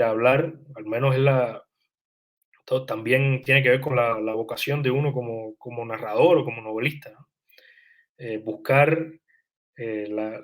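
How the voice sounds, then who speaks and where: A young man reflects slowly on his work as a writer. He often stops to restart a phrase and fills his pauses with "eh", as though searching for the right word. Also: mid-range voice. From Cuba. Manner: thoughtful, hesitant, many restarts and "eh" fillers. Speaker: writer, interview guest. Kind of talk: reflective interview answers.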